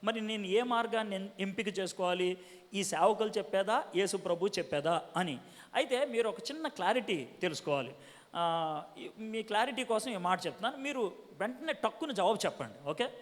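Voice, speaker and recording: A man's voice: high-pitched, expressive, moderate pace. A man evangelist answering young people's questions at a conference, preaching with rhetorical questions, pressing the audience for answers, and dropping English words into his talk. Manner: mixes English words into speech. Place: conference hall. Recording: long hall reverb.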